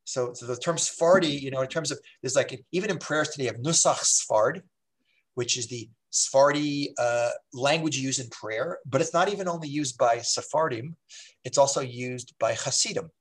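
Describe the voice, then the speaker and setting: A man with an ordinary mid-range voice, speaking as a rabbi on an interview show. He explains history in an easygoing, rambling way, restarting his sentences and filling pauses. He drifts into side stories before coming back to the point. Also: medium pitch, slightly rough. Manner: digressive, with frequent fillers and restarts.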